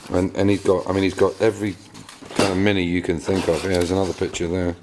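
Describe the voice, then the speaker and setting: A middle-aged man from England talks casually about his car work in a garage workshop vlog, his low voice delivered flat and quick with lots of fillers and repeated words. He's a car restorer vlogger with an English accent, and the garage sounds echoey with faint noise.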